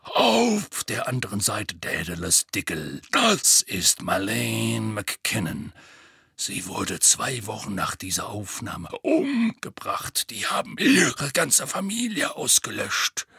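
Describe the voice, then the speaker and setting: A man voicing a gruff, grizzled old male wizard who growls low and gravelly. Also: very animated, slow, bright, forceful tone, no echo, studio quality, exaggerated voice. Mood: growling.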